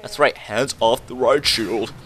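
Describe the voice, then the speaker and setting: A young man giving jokey, rambling commentary over a shooter game, breaking into excited yelps and laughter. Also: medium pitch, a little slow, a little hiss or hum. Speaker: gameplay commentator. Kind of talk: goofy live gameplay commentary.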